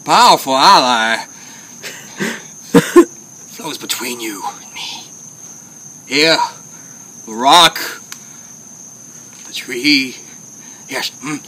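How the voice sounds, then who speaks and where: A man voicing a wise old alien master with a slow country drawl, speaking in inverted phrases between thoughtful hums. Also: medium pitch, bright, forceful tone, heavily acted, poor audio. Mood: sage.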